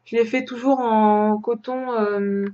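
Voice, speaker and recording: A woman from France hosting a crafting podcast, chatting casually and hesitantly with plenty of pauses and restarts. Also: fairly high pitch, fairly even intonation, warm tone, lo-fi sound. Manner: hesitant, many fillers and restarts, chatty with light laughs. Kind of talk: casual show-and-tell chat.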